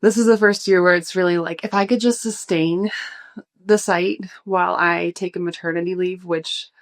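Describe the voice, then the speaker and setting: Slightly breathless woman, relaxed and thoughtful. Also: on the low side, moderate pace. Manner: relaxed, thoughtful, many fillers. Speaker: guest, food blogger. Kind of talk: casual interview.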